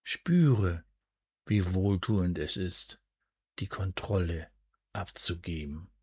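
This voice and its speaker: A man guiding a sleep hypnosis in a soothing, hushed, deliberate way, with a soft breathy voice and drawn-out pauses. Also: sits low, no echo, studio quality. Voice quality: breathy, soft, at times near a whisper. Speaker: hypnosis and relaxation guide. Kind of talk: guided sleep hypnosis, scripted narration.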